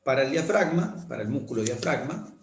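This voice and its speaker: A man lecturing on anatomy, explaining slowly, repeating key terms and often checking that students follow. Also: medium pitch, expressive. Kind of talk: classroom lecture with drawing demonstrations. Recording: echoey room.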